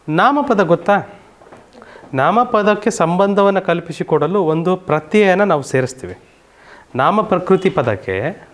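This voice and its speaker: A male teacher giving a grammar lesson to children, patient, repeating points and asking quick questions. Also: high voice.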